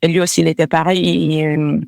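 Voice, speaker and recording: Guest woman, Togo-born designer, casual and halting, close dry mic. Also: sits low, flat delivery, gravelly, darkish tone, no room sound. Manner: hesitant, many fillers and restarts; laughs between answers. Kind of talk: casual interview talk.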